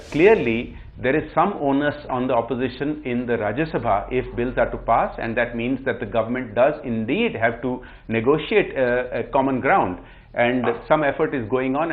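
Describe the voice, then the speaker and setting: A man speaks as a politician on a TV panel, heard over the phone. His voice sits at an ordinary middle pitch and comes through a thin, tinny line. He argues his points in a measured way. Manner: measured, argumentative. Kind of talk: TV panel interview.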